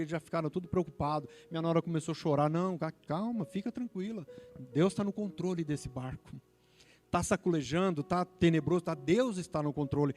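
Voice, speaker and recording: High-voiced Brazilian preacher, fervent. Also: male voice, darkish tone. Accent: Brazilian Portuguese. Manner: fervent, building to emphatic peaks. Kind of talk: sermon.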